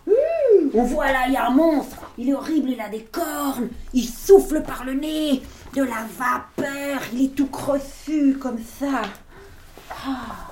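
A woman reads a picture book aloud to children, animated and playful, and often stops to talk to her listeners. Her voice is fairly high and she takes her time. The room is echoey, with a faint hiss underneath. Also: slow pace. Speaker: storyteller.

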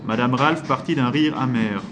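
A man narrating a novel in a steady, measured reading voice. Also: mid-range voice, noisy background. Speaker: audiobook narrator.

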